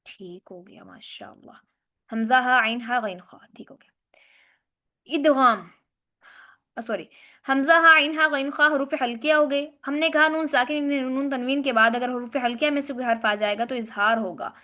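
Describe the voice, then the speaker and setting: High bright-voiced woman teaching tajweed. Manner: explains rules step by step, asks and answers own questions; recites Arabic words slowly and drawn out. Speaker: Quran recitation teacher. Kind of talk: tajweed lesson.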